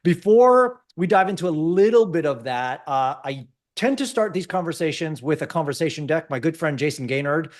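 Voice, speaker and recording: A man's voice: a little high, lively intonation, normal speed. A man hosting a podcast interview, chatty and enthusiastic. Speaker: podcast host.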